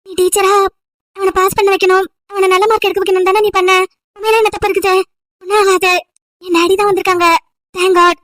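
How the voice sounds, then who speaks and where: A woman's voice: very high voice, a bit bright, no room sound, studio quality. A woman voicing a protective young woman in an amateur audio drama, soothing and earnest.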